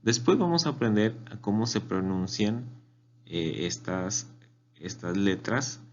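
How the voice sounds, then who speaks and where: Deep-voiced man teaching beginners, unhurried and repetitive, lo-fi sound. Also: lively intonation, a little mellow. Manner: patient, repeats words for learners. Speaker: Chinese language teacher. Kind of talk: slow spoken language lesson. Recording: dull lo-fi recording with faint hum.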